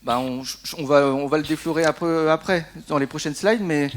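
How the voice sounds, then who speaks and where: A man's voice: a little high, normal speed. A man, a deputy director, explaining energy policy on a conference panel, tagging his sentences with "hein". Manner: explanatory, frequent tag "hein", some fillers. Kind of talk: conference round-table presentation. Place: conference hall.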